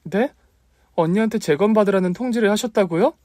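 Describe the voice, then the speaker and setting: High-pitched young aunt, voiced by a man. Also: normal speed, darkish tone, no room sound, clean studio sound, close to an everyday voice. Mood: shocked pleading. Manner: emotional, pleading, teasing by turns. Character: young woman, devoted aunt raising her nephew. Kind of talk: dramatized story reading.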